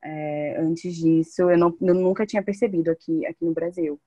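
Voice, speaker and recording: Hesitant young woman, low and dry. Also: normal speed, warm tone, no echo. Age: 20s. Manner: hesitant, many fillers. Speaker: interviewee, education student. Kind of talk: testimony interview.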